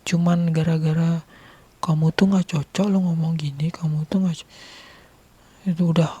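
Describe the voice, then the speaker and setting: A man from Bali with a Balinese accent, chatting casually to his viewers, laughing often and sometimes dropping into a soft whisper. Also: fairly high pitch, little pitch movement, normal speed, slightly rough. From Bali, Indonesia. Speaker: vlogger.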